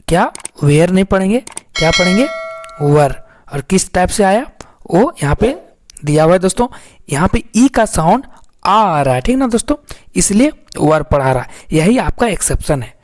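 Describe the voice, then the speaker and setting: A man's voice: sits high, animated, normal speed. A man teaching English phonics in an online lesson, repeating himself and asking questions that he then answers. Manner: repetitive, quizzing, answers his own questions.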